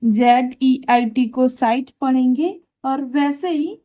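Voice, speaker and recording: Woman teacher, high voice, talks slow, asks a question then answers it herself. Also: dark tone. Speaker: German language teacher. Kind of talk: explaining pronunciation rules.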